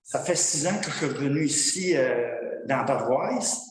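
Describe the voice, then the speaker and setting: A man's voice: mid-range voice, lively intonation, moderate pace. Frustrated Québécois man speaking from far off in an echoey hall. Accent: Québécois French. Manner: rambling, frustrated, colloquial storytelling. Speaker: citizen at council question period. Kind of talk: public comment at a town council meeting. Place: municipal council hall. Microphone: far from the microphone. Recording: echoey hall, distant mic, noise.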